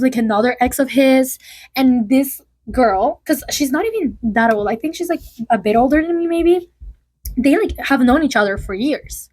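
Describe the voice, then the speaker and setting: A woman's voice: high-pitched, a little mellow. A woman in her early twenties chatting casually as a vlogger, telling gossip with lots of "like" and fillers. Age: early 20s.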